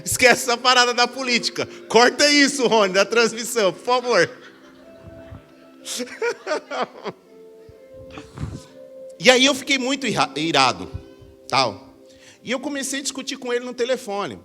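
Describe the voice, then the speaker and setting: A middle-aged Brazilian man preaching a sermon in church as pastor, lively and joking, sometimes shouting for emphasis. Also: extremely high pitch, measured pace, long pauses, faint music behind. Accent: Brazilian Portuguese. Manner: animated preacher, jokes with the crowd, shouts for emphasis. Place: church sanctuary.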